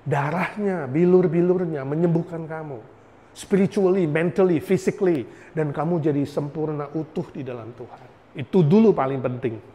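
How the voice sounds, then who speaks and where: A male pastor preaching a sermon in an animated way, firing rhetorical questions and slipping in English phrases. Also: fairly high pitch, moderate pace, long reverb tail. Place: church sanctuary.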